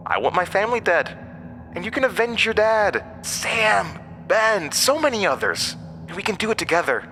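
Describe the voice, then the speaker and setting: This mid-range male voice is piercing and forceful, echoing in a long, cave-like reverb with a slight hum underneath. The character is an age-old inhuman exile, resentful and scheming, who taunts with dramatic emphasis in horror audio drama style. He comes across as menacing and persuasive.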